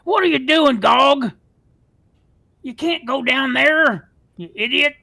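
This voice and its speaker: A man's voice: sits high, expressive, measured pace, pushed and bright, no echo, clean studio sound, voice pushed up, full character voice. A man voicing a dim, blustering ogre in a dopey cartoon bellow for a tabletop game. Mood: bossy, blustering.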